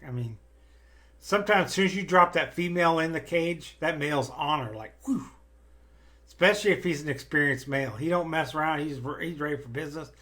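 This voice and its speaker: A man's voice: on the high side, fairly bright tone. Folksy, rambling man breeder. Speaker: rabbit breeder. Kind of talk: casual how-to talk.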